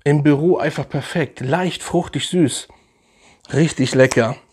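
A man's voice: on the high side, a little slow, darkish tone, slightly rough. A young man casually reviewing fragrances in a vlog, enthusiastic and slangy, rambling with fillers.

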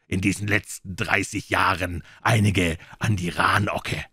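A man reading puts on a gruff old pirate cook who bellows threats at his crew. The voice is low, gravelly and husky. It is recorded close and dry. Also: bright, forceful tone, no room sound, full character voice. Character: menacing old one-legged pirate cook, male. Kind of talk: audiobook reading.

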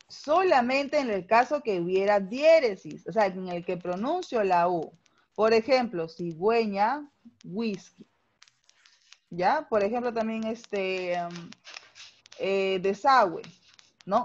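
A woman teacher with a Peruvian Spanish accent talks slowly and deliberately, stopping often to check that her students follow. Her voice comes through muffled, lo-fi video call audio. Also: a little high. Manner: patient, explanatory, checks understanding with tag questions. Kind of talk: online class lecture.

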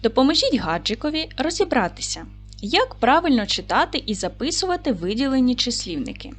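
A woman teaching a primary school class in a video lesson, speaking gently to the children and dictating words slowly and clearly. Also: sits high, very animated, faint music behind. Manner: slow, clear dictation with stressed syllables; gentle, encouraging address to children.

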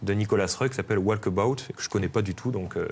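A man reviews a film in a TV studio, speaking keenly and recommending it. His voice sits on the low side of ordinary. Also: fast talker, darkish tone. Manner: enthusiastic, recommending. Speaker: film columnist.

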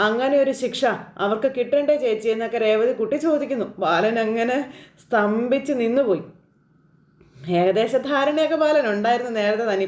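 A woman's voice: on the high side, a little mellow, echoey room. A woman with a Kerala accent casually retelling a TV serial episode, chatty and full of fillers. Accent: Kerala Malayalam. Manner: informal, lots of fillers and "kēṭṭō" tags. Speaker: serial recap narrator.

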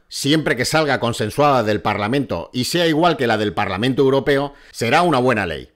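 A man's voice: mid-range voice, fairly bright tone. A middle-aged man commenting on a political clip in a sarcastic, mocking way, swearing freely.

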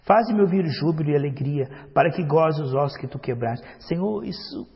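A male pastor preaching a sermon, swinging from loud emphatic outbursts to hushed, prayerful passages. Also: on the high side, lively intonation, moderate pace, creaky, husky. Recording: dull lo-fi sound with long hall reverb.

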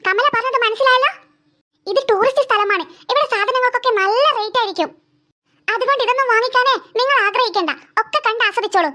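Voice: very high voice, quick pace, bright, forceful tone. A voice actor playing a chatty woman friend in a cartoon, going along with the mother on a trip. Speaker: cartoon character. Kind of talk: cartoon voice acting.

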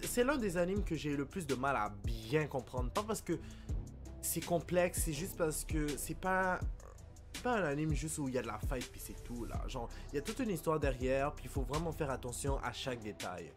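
A young man with a Québécois French accent giving casual reaction commentary, excitable and apologetic, blurting out English exclamations. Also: on the high side. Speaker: anime reaction YouTuber.

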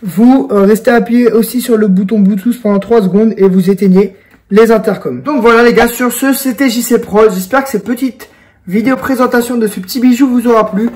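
A young male video creator with a very high, darkish voice talks fairly quickly through an informal product tutorial. Filming indoors in a home room, he speaks directly to his viewers.

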